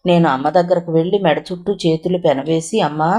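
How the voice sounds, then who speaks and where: A woman reading a novel aloud in steady, expressive storytelling narration. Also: on the low side, fairly quick.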